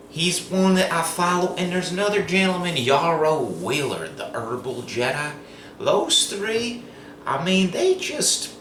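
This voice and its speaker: This man's voice sits on the high side and sounds a little bright. Cooking on camera as host, he spins a rambling, folksy tall tale that wanders along and sometimes drops to a whisper. The recording is roomy and distant, with noisy ambience.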